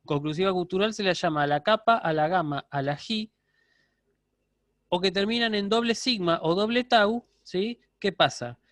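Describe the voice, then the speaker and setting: A man's voice: sits high, moderate pace, fairly bright tone, no echo, studio quality. A man giving a university lecture online, explaining step by step and checking in with his students. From Argentina.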